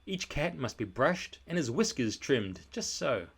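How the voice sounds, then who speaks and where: In a creaky, slightly rough mid-range voice, a man reads a children's storybook aloud. His scripted, expressive style leans on dramatic, deliberate emphasis.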